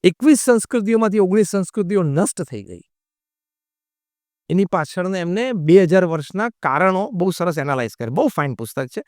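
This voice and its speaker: A man's voice: high voice, lively intonation, normal speed, darkish tone, no room sound, studio quality. A man giving a motivational sermon as a monk, mixing in English phrases and acting out quoted voices. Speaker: monk giving a religious talk.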